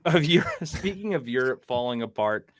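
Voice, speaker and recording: A man's voice: mid-range voice, very animated, a little fast, no echo. A man hosting a casual podcast livestream, rambling through news and reading chat comments aloud. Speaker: podcast host.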